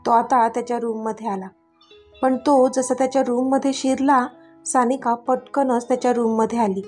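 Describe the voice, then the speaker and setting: Slightly high-voiced woman storyteller. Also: little pitch movement, moderate pace, darkish tone. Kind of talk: scripted story narration. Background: faint music.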